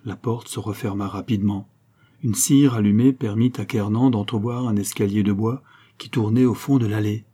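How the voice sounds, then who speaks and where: A man reading a historical novel aloud in a steady, measured storytelling voice. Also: lowish voice, slightly rough. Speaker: audiobook narrator. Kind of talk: scripted narration of a historical novel.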